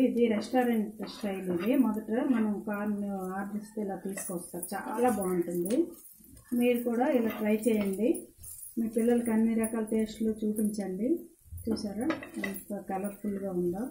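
A woman's voice: mid-range voice, dark tone, a little hiss or hum. A woman walks viewers through a recipe at her home stove, chatty and instructive and repeating each tip. Her voice rings in an echoey kitchen while oil sizzles and a spatula clicks against the pan. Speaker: cooking channel host. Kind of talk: home cooking demonstration.

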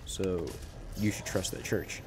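A man giving casual commentary while he plays a game, rambling with halting starts and frequent self-corrections. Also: deep voice, fairly even intonation, noisy background. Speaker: gaming channel host.

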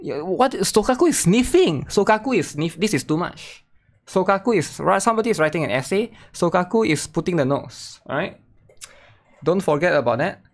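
This streamer has a high, expressive voice and speaks at a moderate pace. Sitting at his desk indoors with game trailer music in the background, the young man reacts casually to the trailer, often throwing in "right?" and "guys."

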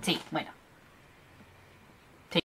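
A woman's voice: extremely slow, fairly bright tone. A young woman, chatting casually while unboxing and tasting snacks, gushing over cute things with lots of diminutives. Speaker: beauty and snack vlogger.

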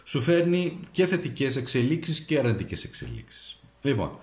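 A man's voice: mid-range voice, big pitch swings, a little mellow. A man giving a tarot reading to camera, addressing the viewer directly with advice. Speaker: tarot reader and astrologer. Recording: echoey room.

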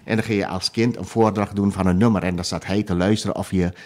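A man's voice: low voice, fairly even intonation, fast talker, darkish tone. A man in his sixties from Suriname, a musician talking in an interview, hesitant with many fillers and restarts. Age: 60s. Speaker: guest musician. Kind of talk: interview conversation.

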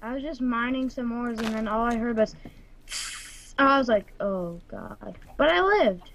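A woman's voice: a little high, expressive, a little slow, creaky, fairly bright tone, muffled recording, slight background noise. A woman chatting casually with a friend while they play a game together. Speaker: co-player. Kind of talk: casual gameplay chat.

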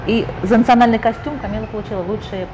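Speaking fast in a steady, higher-pitched voice, a woman conducts a casual interview from an indoor lounge with leather sofas and bookshelves. Her questions are chatty and admiring, and the room ambience is noisy.

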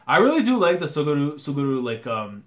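A young man reading a comic chapter aloud and reacting to it live, casual and excitable, full of slang. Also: on the high side, quick pace. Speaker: manga reaction host.

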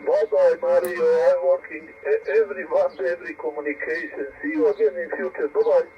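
A very old man in his eighties with a Serbian accent, gravelly and halting, making a ham radio contact over shortwave in short clipped phrases. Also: high-pitched, wildly swooping pitch. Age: 80s. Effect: shortwave radio transmission. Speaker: amateur radio operator. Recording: muffled, noisy shortwave radio reception. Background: radio static.

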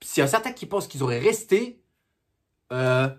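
Man, husky voice, casual slangy film review, repetitive, mock outbursts. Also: a little high, sing-song, normal speed.

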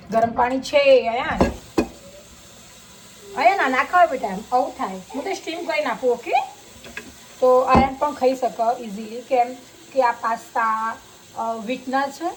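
ગુજરાતી ઉચ્ચારવાળી ઊંચા અવાજની મમ્મી, ઘરમાં ઘોંઘાટ. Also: female voice, on the high side, animated, unhurried, long pauses. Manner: chatty, coaxing and scolding her kids. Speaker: mother and vlogger. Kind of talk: casual family vlog. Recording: home video with clear background noise.

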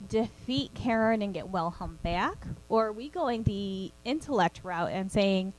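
A woman co-writing a serial story in casual chat, animated and quick to laugh. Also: medium pitch, poor audio. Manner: animated, laughs often, acts out scenes.

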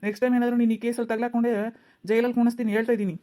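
Bossy cop in a cartoon, woman doing the voice, talks super fast, dark mellow tone. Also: on the high side, level tone, close to an everyday voice. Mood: stern. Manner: scolding, bossy. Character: stern, threatening male police officer. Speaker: police officer.

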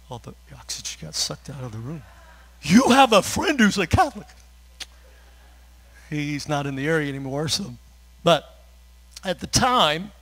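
Emotional man preaching a relaxed sermon. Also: on the high side, poor audio. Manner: conversational preaching with fillers and asides; gets emotional, laughs through his words. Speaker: pastor.

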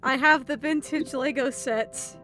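Woman voicing an awkward young gamer guy, hesitant, stumbling, fairly high voice, slow. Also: over music. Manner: hesitant, stumbling, breaking into laughter.

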